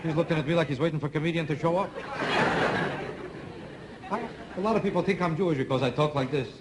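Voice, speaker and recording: A man's voice: fairly high pitch, quick pace, over a noisy crowd, very noisy. A man doing a stand-up comedy routine on a TV stage, sardonic and needling the audience with repeated questions. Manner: sardonic, talks to audience members, rhythmic repetition. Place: TV studio stage with live audience.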